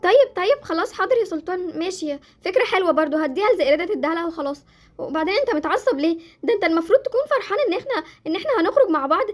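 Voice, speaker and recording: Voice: very high voice, animated, racing. A young voice playing Jessie, a lovesick girl with an Egyptian accent. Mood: excited. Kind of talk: Roblox roleplay series acting.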